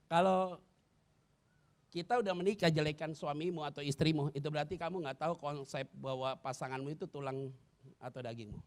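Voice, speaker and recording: A man, preaching a sermon. He jokes and swings between loud bursts and hushed asides. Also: on the high side, a little fast. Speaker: pastor.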